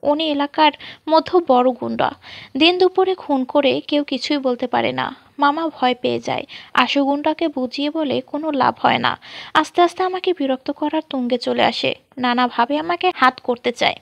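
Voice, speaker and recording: A woman's voice: high-pitched, normal speed, creaky, dry recording. A woman voicing a frightened young bride who has fled her wedding, telling her story plainly and pleading for shelter.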